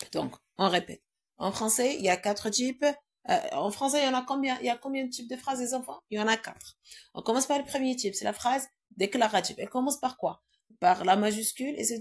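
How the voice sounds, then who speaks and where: A woman's voice: fairly high pitch, vocal fry, husky. A woman teaching a grammar lesson in a classroom, quizzing her pupils and repeating their answers.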